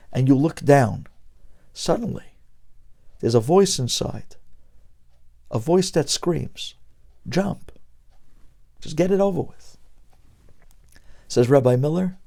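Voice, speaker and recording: Man, rabbi, Torah lecture, mellow dark tone, medium pitch, dramatic loud and hushed swings. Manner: sprinkles Hebrew phrases.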